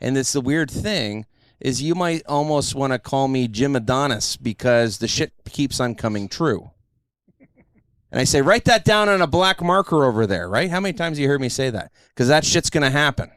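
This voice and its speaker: A man hosting a podcast, telling stories in a brash, profane, animated way. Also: medium pitch, normal speed, no room sound, clean studio sound. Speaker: podcast host. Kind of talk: casual podcast chat.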